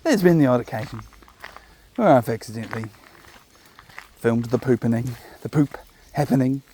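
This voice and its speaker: This mid-range male voice is animated and mellow, moving at a moderate pace over slight background noise. He's a New Zealander walking his dog along outdoor park trails, chatting casually to viewers on a chest-mounted camera. His rambling monologue is laid-back and chatty, dotted with jokey asides.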